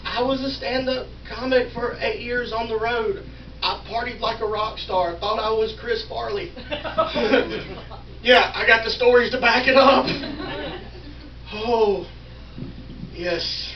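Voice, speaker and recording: Man, stand-up comic, self-mocking crowd work, high-pitched voice, heard from afar. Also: fairly even intonation, takes it slowly, long pauses. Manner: self-mocking, bantering with the audience. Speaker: stand-up comedian. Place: small indoor venue in a wine store. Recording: roomy, distant, dull live recording with crowd ambience.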